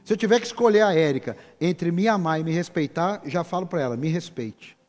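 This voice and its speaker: A man's voice: sits high, animated, fast. A man with a Brazilian Portuguese accent preaching a sermon, emphatic and firing rhetorical questions at his congregation. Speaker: pastor. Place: large church hall. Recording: reverberant church hall with soft music.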